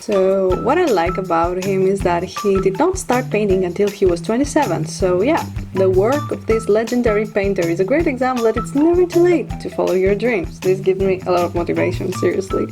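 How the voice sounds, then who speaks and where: Young woman, casual home vlog, chatty, laughs at herself, music bed behind. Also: mid-range voice. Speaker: fashion vlogger. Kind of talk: casual chat with read-out facts. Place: home, living room. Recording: music playing underneath.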